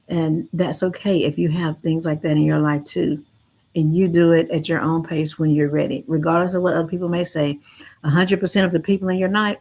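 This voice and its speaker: Low-voiced woman, gentle and reassuring. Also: breathy edge. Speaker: grief counselor and livestream host. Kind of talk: heartfelt livestream talk to camera.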